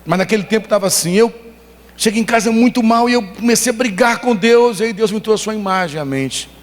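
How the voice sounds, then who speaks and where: Brazilian pastor preaching with emotion. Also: male voice, high-pitched, fairly quick. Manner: emotional storytelling, emphatic and animated. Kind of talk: sermon. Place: church hall. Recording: long church hall reverb.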